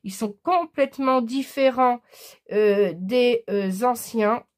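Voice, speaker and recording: A woman with a somewhat high voice chats through her scrapbooking haul. She's eager yet unsure, breaking up her sentences with frequent "euh" pauses.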